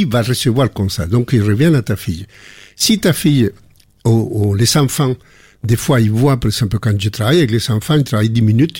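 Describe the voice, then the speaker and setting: An older man speaking French with a foreign accent, telling personal stories in a relaxed conversation with frequent restarts. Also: medium pitch, breathy edge, dry recording, clean studio sound. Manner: warm anecdotal storytelling with frequent restarts. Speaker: guest. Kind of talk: casual conversation.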